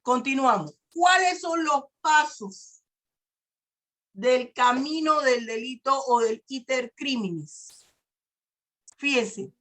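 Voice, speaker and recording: A woman's voice: high-pitched, lively intonation, slow, pauses often, fairly bright tone. A woman law lecturer explaining step by step, acting out a first-person example for her students. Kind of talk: university lecture.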